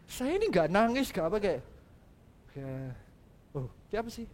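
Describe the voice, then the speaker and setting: Animated high-voiced man preaching. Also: moderate pace. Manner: storytelling, animated, acts out quoted lines; casual mix of Indonesian and English phrases. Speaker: pastor. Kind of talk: sermon.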